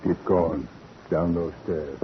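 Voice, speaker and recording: An actor playing a nervous, reluctant accomplice with a gun in an old radio crime drama. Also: male voice, low-pitched, fairly even intonation, slow, noisy background. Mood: uneasy, threatening. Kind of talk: 1940s radio acting. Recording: muffled old radio recording, music behind.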